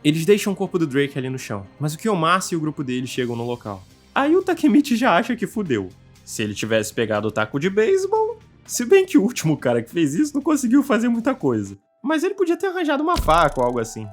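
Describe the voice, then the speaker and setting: A Brazilian man as guest co-host, reading a scripted commentary recap with sarcastic jabs. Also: on the high side. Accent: Brazilian Portuguese. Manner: sarcastic, swooping delivery.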